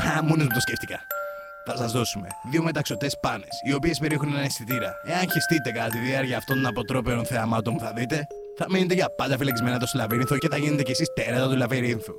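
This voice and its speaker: A man voicing a huge goat-like male beast who rules a labyrinth, playful and sing-song in a comic fairy-tale parody. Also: medium pitch. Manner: playful, sing-song, sudden squeals and shouts. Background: loud music.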